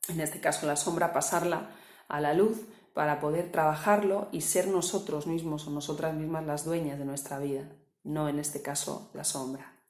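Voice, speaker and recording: A woman coach, calmly explaining a topic with examples and often checking with the listener. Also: deep voice, roomy sound. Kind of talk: explanatory talk to camera.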